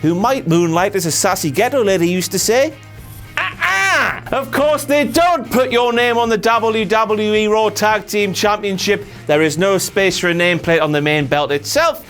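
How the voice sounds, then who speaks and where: A man's voice: high-pitched, normal speed, few pauses, a bit bright, faint music behind. A British man hosting a comic wrestling review, giving slangy, sweary, mocking commentary.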